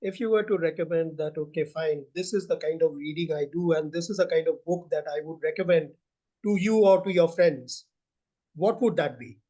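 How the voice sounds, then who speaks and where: Male talk-show host, middle-aged, Indian accent, high-pitched, effusive, repetitive casual phrasing. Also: normal speed, mellow, rough recording. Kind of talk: casual conversational interview.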